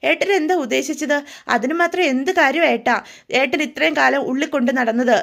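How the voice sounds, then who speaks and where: Woman voicing a puzzled young man, demanding, high-pitched. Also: fairly quick, vocal fry.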